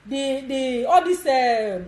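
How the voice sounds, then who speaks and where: A woman's voice: high voice, expressive, slow pace, darkish tone, reverberant, poor audio. A Nigerian woman giving frank casual advice, laughing often and demonstrating as she talks. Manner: bold, laughing, demonstrative, mixes pidgin. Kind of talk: casual instructional chat.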